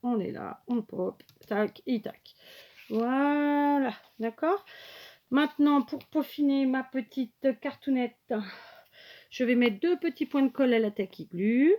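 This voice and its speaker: A woman's voice: high voice, takes it slowly, muffled recording. A woman talking viewers through a handmade card step by step, chatty, often correcting herself and checking in with them. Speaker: craft tutorial host. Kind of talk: casual craft tutorial.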